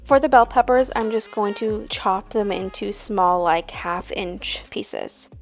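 A young woman hosting a cooking channel, explaining each recipe step in a relaxed, casual voice-over. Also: mid-range voice, takes it slowly, soft background music.

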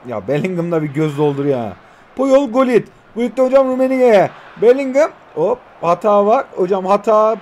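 A man in his twenties giving excitable live commentary on a mobile football game, full of slangy banter and sudden shouts. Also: high voice. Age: 20s.

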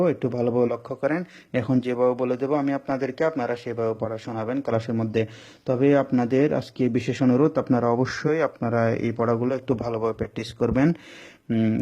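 A man's voice: mid-range voice, dark tone. A man teaching Quran reading in an online lesson, patiently spelling out Arabic letters and repeating each syllable for learners. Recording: dull lo-fi recording.

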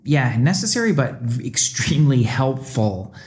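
A man's voice: mid-range voice, sing-song, moderate pace, a little mellow. A young adult man co-hosting a podcast, reflective and rambling, with many restarts and fillers. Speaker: podcast co-host. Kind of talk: reflective casual chat.

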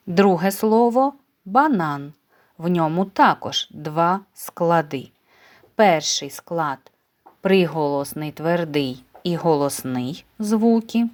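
Slow, patient woman teacher. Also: lowish voice. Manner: patient, careful, uses diminutives for children. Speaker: primary school teacher. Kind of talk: slow, clear dictation lesson for first graders.

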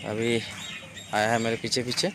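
Filming himself on a phone at arm's length in the halls and yard of a tea factory, a factory worker in his thirties vlogs casually, talking to viewers as friends. He has an Indian accent and a medium-pitched, flat voice at a moderate pace, with noisy factory sound in the background.

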